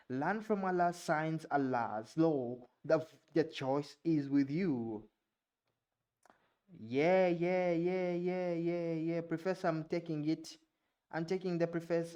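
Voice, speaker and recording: Slightly high and a bit mellow, this young Ugandan vlogger's voice stumbles through a reading as he sounds out words that are new to him. He speaks English with a Ugandan accent, his first language being Luganda, and throws in relaxed asides.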